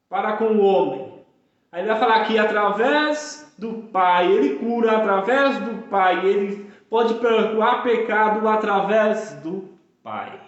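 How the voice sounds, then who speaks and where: A man in his thirties preaching a fervent sermon, repeating phrases for emphasis. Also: sits high. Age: 30s. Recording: echoey room, dull lo-fi sound.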